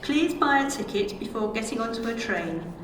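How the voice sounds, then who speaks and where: A woman's recorded train station announcement over a public address loudspeaker, delivered in a measured, even way. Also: fairly high pitch. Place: railway station platform. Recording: echoey platform loudspeaker, noisy station.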